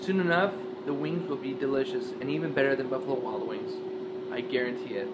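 Talking fairly quickly in a mid-range voice, a young home cook hosts a jokey tutorial in his kitchen, tossing playful, offhand comments to the camera as he works. A wide-angle camera mic on the counter captures him in very noisy conditions.

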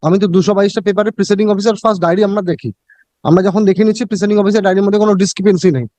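A man with a Bengali Indian accent answering in court as an election officer, deferential and defensive, with halting repeated words. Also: high voice, fairly even intonation, mellow, no echo. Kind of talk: answering questions in a court hearing.

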